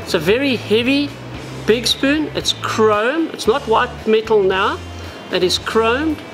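A South African man in his forties sits at a wooden counter in an indoor tackle shop, demonstrating fishing gear in a practical, explanatory way and addressing viewers as guys. His very high-pitched voice is expressive and slow, heard over music.

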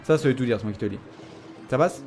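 A man giving casual, excitable commentary on his own game, teasing and mock-threatening his opponent, and saying he is tired. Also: medium pitch, rapid-fire, music in the background. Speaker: gaming channel host.

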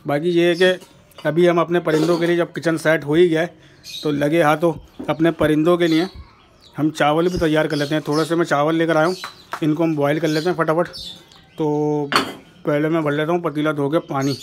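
Speaking at normal speed, with a slightly high voice and little pitch movement, a man who keeps birds vlogs casually while working on his rooftop. He narrates his chores to viewers in a friendly, chatty manner around the outdoor kitchen and bird pens, captured on a handheld phone in a noisy recording.

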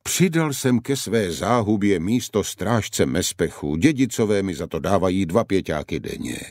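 A man's voice: sits low, lively intonation, darkish tone, dry recording, clean studio sound. A man voicing a fearful peasant gatekeeper in an audiobook, with a cracked voice and a wailing, begging manner. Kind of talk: audiobook character voice.

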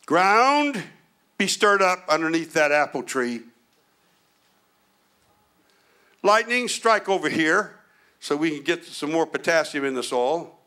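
A man's voice: a little high, lively intonation, measured pace, bright, forceful tone, clear, resonant tone. A man voicing God as a patient, folksy creator giving plain-spoken instructions. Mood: reassuring.

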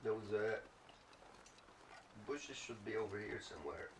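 A man with a lowish voice gives animated but a little slow gameplay commentary, rambling and thinking aloud as a let's play gamer. The recording sounds roomy, with a distant mic and faint noise.

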